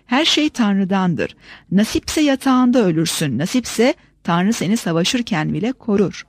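A woman reads as a stern, outspoken older lady in an audiobook. Her deep, full voice carries across the table with ease. The read is dry and close. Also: lively intonation, measured pace, dry recording. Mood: scolding.

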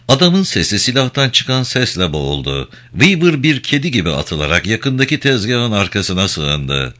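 A male audiobook narrator giving a dramatic, expressive reading. His voice sits low but sounds bright, and his pitch moves a lot as the tension builds. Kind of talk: scripted narration.

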